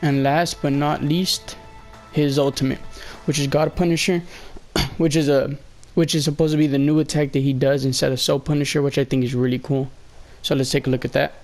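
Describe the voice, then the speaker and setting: A young man commentates casually over gameplay in a mid-range, fairly quick, slightly mellow voice with a level tone, faint music playing behind him. He sounds a little sick and is losing his voice, and his game walkthrough voice-over rambles hesitantly with plenty of fillers.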